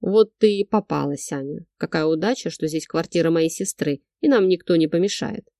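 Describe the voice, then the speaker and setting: A woman's voice: normal speed, vocal fry, warm tone, dry recording, clean studio sound. A woman voicing a brash, possessive young man who hisses and growls his lines in an insinuating, domineering way. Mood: menacing. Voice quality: low hissing, growling delivery.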